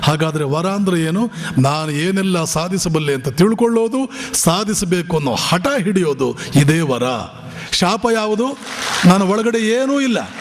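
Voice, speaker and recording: High-voiced monk man preaching hard, lots of questions, big echoey hall. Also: expressive, unhurried. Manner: fiery, exhorting, with rhetorical questions. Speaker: monk giving a spiritual class. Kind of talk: impassioned Kannada discourse.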